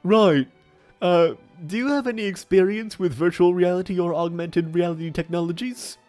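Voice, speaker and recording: A man's voice: high-pitched, moderate pace, a little mellow, faint music behind, voice pushed up, natural voice. A man voicing a businesslike, mildly exasperated job interviewer with formal, insistent questioning in a comic dramatic reading.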